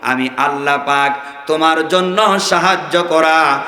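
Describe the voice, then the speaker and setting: Chanting preacher, bright voice in echoey hall. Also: male voice, slow pace. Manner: chanting sermon, swings from shouts to low singsong. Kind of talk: sermon to a crowd.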